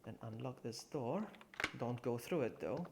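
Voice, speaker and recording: A young man streams a video game, speaking in an animated mid-range voice at a measured pace. Game music and background noise sit under his relaxed commentary as he chats with viewers, laughs a lot, reads and answers chat, and mutters while playing.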